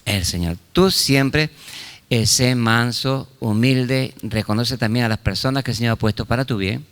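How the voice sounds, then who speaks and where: An older man preaches a sermon with fervor. He throws call-and-response questions at his listeners and punctuates his points with quick exclamations of praise. His voice sits at a middling pitch and rings with the long reverb of a large hall. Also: a bit bright, smooth. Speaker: pastor.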